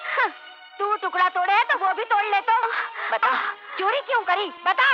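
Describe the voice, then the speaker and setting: Brief: shrill, contemptuous mother-in-law, scolding hard over swelling film music. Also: normal speed. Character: harsh scolding mother-in-law, older woman. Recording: dull film soundtrack with loud music.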